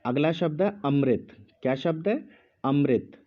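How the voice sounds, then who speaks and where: Male teacher, slow measured dictation, muffled lo-fi sound. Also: a little high, animated. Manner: speaks slowly with pauses, repeats each word. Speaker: Hindi teacher.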